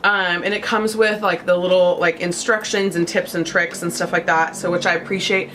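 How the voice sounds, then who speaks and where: A young woman hosts a beauty vlog, chatting casually and gushing about products in a bubbly way with many fillers, still a bit congested from a cold. Her lowish voice is fairly bright and even, at normal speed, with faint music behind her.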